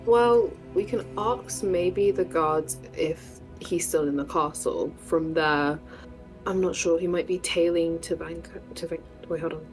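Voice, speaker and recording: A woman's voice: lowish voice, a little slow, faint music behind, poor audio. A woman playing a tabletop role-playing game, chatty and giggly, rambling a little as she thinks. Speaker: player. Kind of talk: casual tabletop play.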